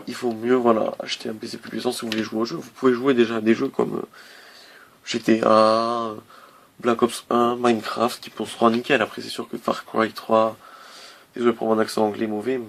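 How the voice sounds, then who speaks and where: Male tech reviewer, gravelly, casual and hesitant delivery with frequent restarts. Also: medium pitch, a bit bright. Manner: hesitant, many fillers and restarts.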